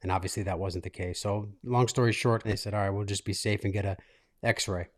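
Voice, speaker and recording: A man in his late thirties hosting a casual podcast from a living room, telling a personal story in a halting, self-interrupting way. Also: lowish voice, fairly even intonation. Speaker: podcast host. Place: makeshift studio in a living room.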